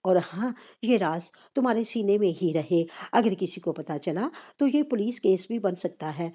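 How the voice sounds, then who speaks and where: A woman's voice: mid-range voice, expressive, dark tone, dull audio, natural voice. A woman voicing a blunt female doctor who speaks in a cold, stern tone.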